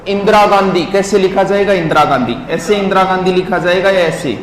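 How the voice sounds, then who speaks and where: Man teaching, high voice, echoey hall. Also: fairly quick. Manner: drills words syllable by syllable, quizzes listeners. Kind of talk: classroom lecture. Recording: echoey hall with faint noise.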